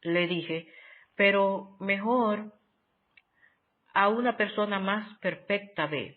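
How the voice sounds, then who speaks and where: Solemn devotional reader, very slow, medium pitch, tinny phone-like sound. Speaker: narrator reading a spiritual diary. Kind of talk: slow devotional reading aloud.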